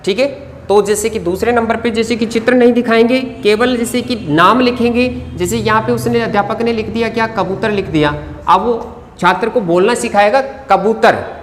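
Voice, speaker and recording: A Hindi teacher gives an exam-prep lecture while writing on a board. The teacher asks the class questions, answers them, and dictates notes slowly word by word. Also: medium pitch. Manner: addresses viewers as friends. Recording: reverberant room with faint background noise.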